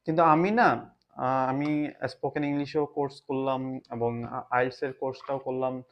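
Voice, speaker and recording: A man with a Bangladeshi Bengali accent talks casually to the camera at a middle pitch. He sounds reflective and often stops to hunt for the right word. The recording is a little dull and lo-fi. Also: steady tone. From Chittagong, Bangladesh. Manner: reflective, pauses often to search for words. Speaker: vlogger.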